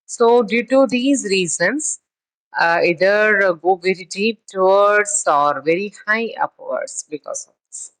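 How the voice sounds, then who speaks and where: Halting woman lecturing on statistics. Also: mid-range voice, fairly bright tone, low-quality recording. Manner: halting, with many fillers and restarts; reads text then explains in her own words. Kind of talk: recorded lecture.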